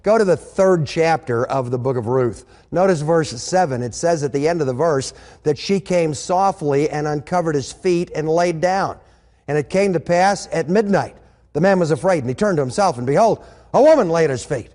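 A man's voice: a little high, normal speed, darkish tone, big-room sound. A man preaching a sermon, retelling a story in a folksy, dramatic manner.

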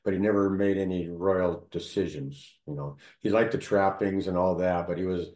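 A man in casual conversation, telling local history at length, halting often with fillers and restarts. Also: low voice, darkish tone, roomy sound.

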